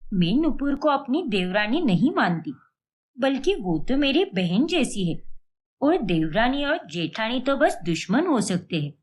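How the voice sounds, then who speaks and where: Woman as a sweet young cartoon wife, gentle and reassuring, lively voice. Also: fairly high pitch, a little slow. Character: young married woman, kind and loyal. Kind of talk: animated storybook voice acting.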